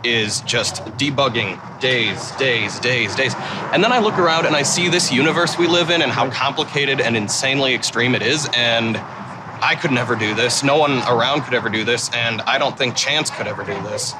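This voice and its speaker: A man answers a street interviewer in an earnest, reasoned way. Traffic and city noise are clearly heard behind him. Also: medium pitch, moderate pace. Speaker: street interviewee, computer programmer.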